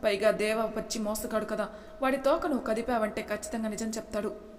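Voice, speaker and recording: A woman's voice: a little high, brisk, lightly acted. A woman voicing a feisty young wife who answers back boldly, in a storybook reading. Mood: persuasive. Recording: echoey room with long reverb.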